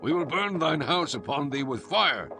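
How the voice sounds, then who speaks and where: A man's voice: on the high side, very animated, moderate pace, music in the background. A man playing an angry, threatening tribesman of ancient Israel in a dramatized scripture recording, declaiming confrontationally. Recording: clear background ambience noise.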